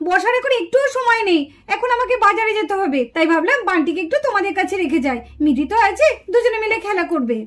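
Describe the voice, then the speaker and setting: A woman's voice: extremely high pitch, expressive, quick pace, hardly any pauses, a bit bright. A woman voicing a busy young neighbor mother in a puppet show, chatty and in a hurry.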